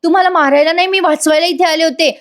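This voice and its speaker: A woman's voice: very high voice, steady tone, quick pace, pitched above the performer's own voice. A woman voicing a scheming young woman villain who pleads and stammers in a whiny voice. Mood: pleading.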